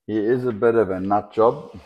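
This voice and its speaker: A man showing off a lively python outdoors on camera, chatty and laughing, talking to the snake as it wraps around his clip-on mic. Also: fairly low pitch, moderate pace, muffled recording, slight background noise. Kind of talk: casual hands-on video chat. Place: outdoors in the sun. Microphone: clip-on mic the snake keeps wrapping.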